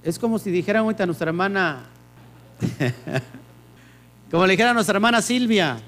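A man's voice: sits high, animated, moderate pace, a bit bright. A man teaches a Bible study group, firing questions at his listeners and answering them himself.

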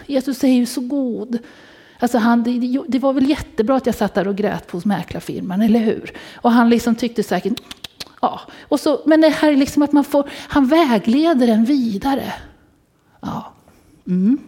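Mellow husky woman preaching. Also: a little high. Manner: conversational, asks the congregation questions. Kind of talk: sermon. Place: church.

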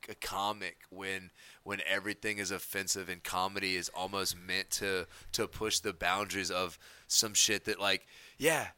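A man, co-hosting a podcast and telling stories in a rambling, animated, slangy way. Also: sits low, normal speed, clean tone, no room sound. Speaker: podcast co-host. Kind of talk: casual chat and storytelling.

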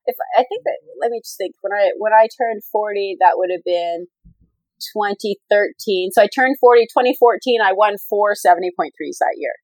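A woman's voice: mid-range voice, moderate pace, a little mellow, dry recording, low-quality recording. A woman in her forties, a professional athlete and coach, talking casually in an interview, rambling with many fillers and restarts. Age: 40s.

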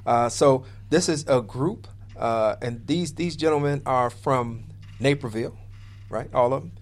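A man's voice: medium pitch, a little slow. A man hosting a casual radio interview, often repeating words as he starts his phrases. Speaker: radio show host.

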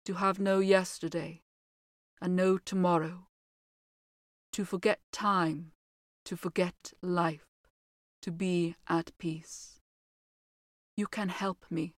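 Woman voicing a sorrowful ghost, centuries old, low dreamy delivery, dry close read. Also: little pitch movement, takes it slowly, pauses often, no echo. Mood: sad, dreamy. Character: weary centuries-old male ghost, sad and lonely.

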